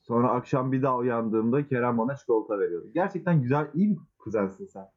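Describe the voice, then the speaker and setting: A man's voice: mid-range voice, lively intonation, fast. A man hosting a podcast in casual chat, teasing his co-hosts playfully. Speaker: podcast host. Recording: tinny phone-like sound.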